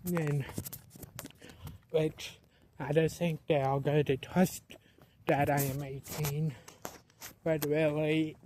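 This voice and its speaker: Out at night with a handheld camera, an eighteen-year-old guy narrates a casual vlog over background noise. He sounds a little high, goes slowly, repeats himself and keeps starting his sentences again.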